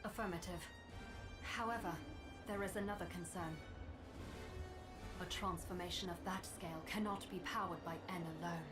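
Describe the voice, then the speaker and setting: A woman voicing a calm, polite female robot companion in a video game, speaking in a measured, courteous way over game music. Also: lowish voice, close to an everyday voice. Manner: measured, courteous, softly even delivery.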